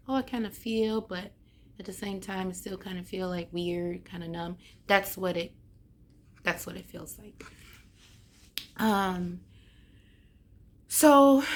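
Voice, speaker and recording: A woman with a hoarse voice chats casually to camera, giving a personal update and often trailing off as she searches for words. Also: medium pitch, slight background noise. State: hoarse after neck surgery. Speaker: vlogger giving a health update.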